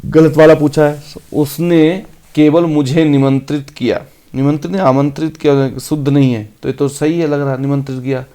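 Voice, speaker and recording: A man teaching an exam-prep grammar lesson, reading each sentence out slowly and then explaining it briskly. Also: on the high side, fairly even intonation, warm tone. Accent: Hindi.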